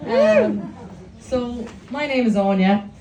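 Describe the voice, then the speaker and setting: A woman's voice: fairly high pitch, huge pitch swings, takes it slowly, darkish tone, distant mic, some chatter behind, a little hiss or hum. A young Irish woman telling personal stories informally to a live audience, chatty and self-deprecating in the manner of an Irish storyteller. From County Laois, Ireland. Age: young adult. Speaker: speaker at a storytelling night. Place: indoor room at a live event. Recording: echoey room.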